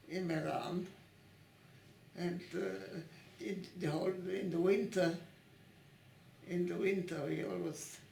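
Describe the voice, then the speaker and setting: A woman in her nineties, born in Italy and raised in Italy and Switzerland, recalling her past in an oral history interview at her home, speaking haltingly and restarting often as she searches for words. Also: fairly low pitch, gravelly, darkish tone, a little hiss or hum. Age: 90s. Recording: roomy echo in a home.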